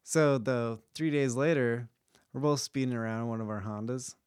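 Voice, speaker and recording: A young man hosting a casual podcast, explaining a topic to a friend in a laid-back, joking way with quick asides. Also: medium pitch, steady tone, darkish tone, clear, resonant tone, no echo, studio quality. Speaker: podcast host.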